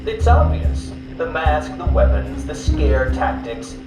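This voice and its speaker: An actor playing an arrogant, condescending male villain in a video game, with smug, theatrical swings in pitch. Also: big pitch swings, takes it slowly. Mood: ranting. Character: arrogant sneering male riddle-obsessed villain, adult. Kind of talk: video game voice acting, taped patient interviews. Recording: echoey with loud music underneath.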